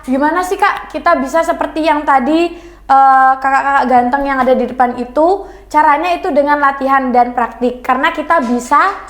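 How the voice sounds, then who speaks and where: Young woman, trainer, high voice, lively, teasing, echoey classroom. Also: normal speed. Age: young adult. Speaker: student trainer in a micro-teaching class.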